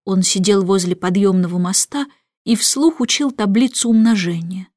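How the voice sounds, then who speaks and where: A woman's voice: mid-range voice, moderate pace, a little mellow, dry recording, clean studio sound. A woman narrating a storybook expressively, giving each character a voice. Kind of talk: storybook reading.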